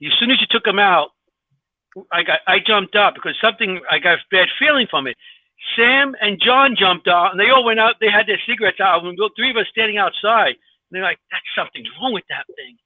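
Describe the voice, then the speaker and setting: Male co-host, high voice, casual chatter, thin phone-quality sound. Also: a little fast, no room sound. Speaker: podcast co-host. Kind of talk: casual chat.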